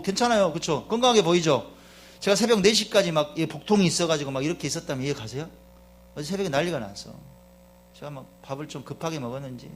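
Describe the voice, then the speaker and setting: A middle-aged male pastor gives a Sunday sermon in a church sanctuary, his voice sitting a little high for a man. He chats with the congregation and peppers them with questions. He drops to soft confiding asides, then rises to loud, fervent calls over a faint hum. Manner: swings between quiet confiding asides and loud fervent exhortation; chatty, often asks the congregation questions.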